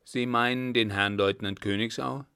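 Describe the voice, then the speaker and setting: A man voicing a loyal, excitable coachman who exclaims loudly, in a storybook reading. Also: mid-range voice, normal speed, gravelly, smooth. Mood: eager.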